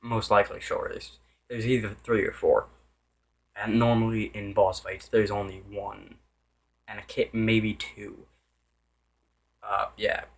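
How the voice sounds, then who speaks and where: A man with a fairly low voice talks through a game review off the cuff. He rambles, restarts his sentences and corrects himself over and over. Now and then he loses track of what he meant to say. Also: level tone, measured pace, gravelly, long pauses. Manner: loses his train of thought. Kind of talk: casual unscripted game review.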